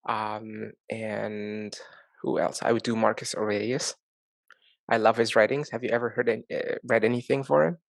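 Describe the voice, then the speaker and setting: A man's voice: fairly low pitch, flat delivery, moderate pace, creaky, no echo, studio quality. A man answering interview questions in easy casual chat over a video call, joking and laughing at himself. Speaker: guest.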